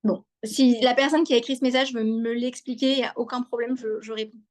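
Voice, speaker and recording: A high-pitched woman lecturing to a live online audience over a video call. She speaks directly to her listeners and repeats key ideas. She often hesitates and restarts a sentence. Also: steady tone, fast. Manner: warm, repetitive, addresses listeners directly. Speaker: lecturer on wellbeing.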